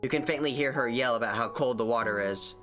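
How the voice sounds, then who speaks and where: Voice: medium pitch, fast, over music, voice pushed down, close to an everyday voice. A streamer voicing the somber narrator of a horror game, reading scripted text aloud. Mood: somber, steady.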